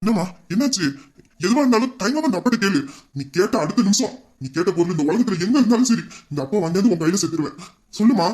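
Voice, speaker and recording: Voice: mid-range voice, animated, a little mellow, lightly acted. A performer playing an older, fatherly widower who soothes a young woman and confesses with grief, in an audio drama. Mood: doting. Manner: soothing, pleading, slowing into grief. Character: older man, doting fatherly widower, guilt-ridden. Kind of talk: Tamil audio drama acting.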